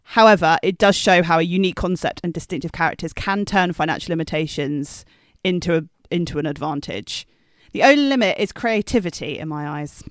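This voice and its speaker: A woman's voice: lowish voice, a little fast, no room sound, clean studio sound. A woman and writer co-hosting a podcast, giving her views with confidence. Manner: confident, opinionated. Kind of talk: casual debate chat.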